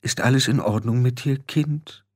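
Ein Mann spielt eine fürsorgliche, geschäftige ältere Dorfhexe mit betulicher, fröhlicher Art. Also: male voice, medium pitch, normal speed, close to an everyday voice. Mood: fussy, cheerful. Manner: fussy, cheerful. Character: caring older village witch woman, busy and cheerful.

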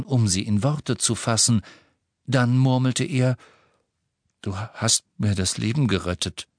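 A man's voice: mid-range voice, darkish tone, husky, no echo. Man reading an audiobook, dry sound. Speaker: audiobook narrator. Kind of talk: scripted narration.

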